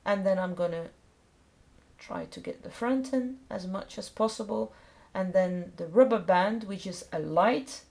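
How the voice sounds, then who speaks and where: This woman's voice is medium in pitch, gravelly and darkish. A middle-aged dog groomer whose first language isn't English, she speaks with a Belgian accent and walks viewers through a grooming tutorial one simple step at a time.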